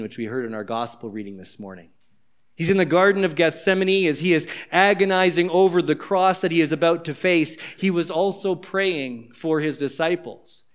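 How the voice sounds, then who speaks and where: A man preaching a sermon as a pastor, earnest and emphatic, explaining scripture to his congregation. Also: on the high side.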